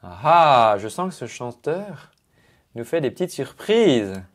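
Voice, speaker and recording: A vocal coach with a mid-range voice speaks slowly but very animatedly into his own microphone at a computer. He gives a chatty, explanatory analysis of a singer's technique, using singing jargon.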